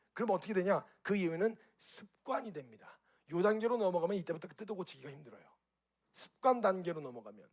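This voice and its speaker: A man with a husky, slightly raised voice speaks quickly to an audience. He keeps it animated, asks them direct questions and acts out reactions with sound effects. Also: high-pitched. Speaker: speaker at a group gathering. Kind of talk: lively spoken talk to an audience.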